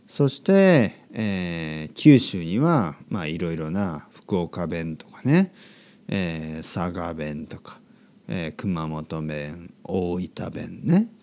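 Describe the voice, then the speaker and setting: A man hosting a podcast and explaining things slowly and clearly for learners, in simple phrasing with frequent tag questions. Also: fairly low pitch, dark tone. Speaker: podcast host teaching Japanese.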